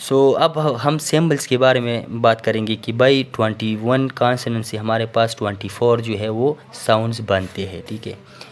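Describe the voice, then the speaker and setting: A man giving a recorded lesson, explaining slowly and checking in with the listener after each point. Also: medium pitch, steady tone, a little hiss or hum. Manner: explains patiently, repeats "theek hai" and fillers. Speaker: teacher. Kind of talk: recorded classroom lecture.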